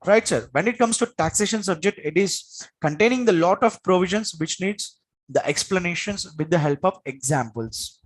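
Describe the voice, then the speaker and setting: A man's voice: high voice, lively intonation, moderate pace, low-quality recording. A man with an Indian accent giving a classroom lecture as an exam coach, in an emphatic, repetitive manner with frequent check-in questions.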